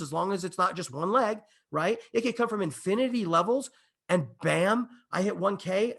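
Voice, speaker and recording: A man pitching a business opportunity, his voice sitting high for a man with a gravelly, creaky edge. He talks in an emphatic, excitable way, building hype and checking in with his listeners again and again. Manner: repeats "okay?" and "imagine this" to the audience. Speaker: company presenter.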